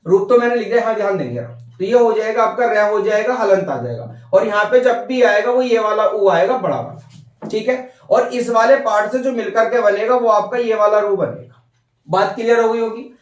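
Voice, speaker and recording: Male grammar teacher, high voice, slightly off-mic; patient and repetitive, keeps checking in with his students. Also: moderate pace, echoey room, recorded from a distance. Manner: repetitive, checks understanding with "ठीक है" and "भैया". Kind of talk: whiteboard grammar lesson.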